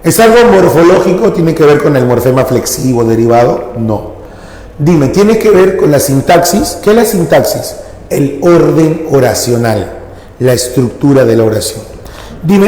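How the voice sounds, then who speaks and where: A male teacher explains a language lesson slowly and keeps asking his students rhetorical questions. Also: medium pitch, dark tone. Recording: echoey room with long reverb.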